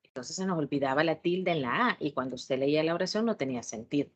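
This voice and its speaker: A woman with a Salvadoran accent giving an online tutorial lecture as a university tutor, strict and instructive, often pausing with hesitation fillers. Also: low voice, lively intonation, husky. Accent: Salvadoran Spanish. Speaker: university math education tutor.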